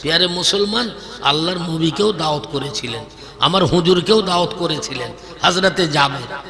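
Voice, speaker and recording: High-voiced man preaching over a PA. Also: moderate pace. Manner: emphatic, rhythmic preaching with repeated lists and calls to the audience. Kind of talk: Islamic sermon (waz) to a crowd. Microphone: public address microphone. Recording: long hall reverb with audible crowd. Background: crowd of listeners.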